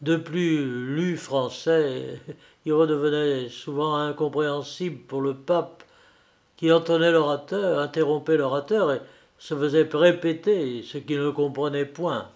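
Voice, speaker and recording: A man reading a literary story aloud in a measured, deliberate way, with occasional small hesitations. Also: on the high side, fairly even intonation, a little mellow. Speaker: audiobook reader.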